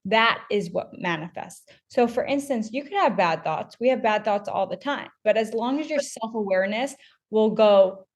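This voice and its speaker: A woman co-hosting a wellness podcast, talking in an animated, emphatic way and filling her speech with "like". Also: mid-range voice, normal speed. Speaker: podcast co-host. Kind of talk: casual podcast chat.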